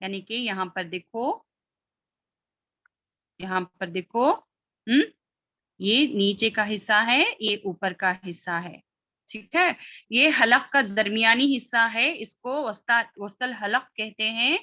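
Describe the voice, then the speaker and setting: A woman teaches a recitation class in a bright, fairly high voice, explaining step by step. She often pauses to ask whether her students understand, and she drags out the letter sounds to demonstrate them. The audio is dull and lo-fi. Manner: explains step by step, checks understanding with repeated "theek hai" and "hm?". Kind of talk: online class lesson.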